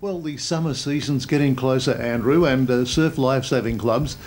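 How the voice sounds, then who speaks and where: An Australian-accented male TV news reporter interviews and reports on location, speaking at a normal pace with a medium-pitched, somewhat dark voice. Traffic and other outdoor noise fill the background.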